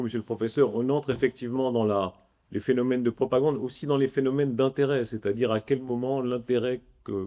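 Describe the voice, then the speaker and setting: A man moderates a public debate in a mellow, relaxed voice of medium pitch. He is articulate and discursive, building long sentences as he links ideas and hands over to panelists.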